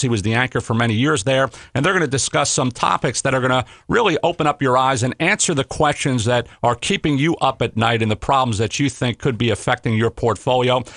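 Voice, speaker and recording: A man's voice: mid-range voice, a bit bright, no echo. A man co-hosting a radio show, delivering polished promotional patter in a salesy manner. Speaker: radio co-host.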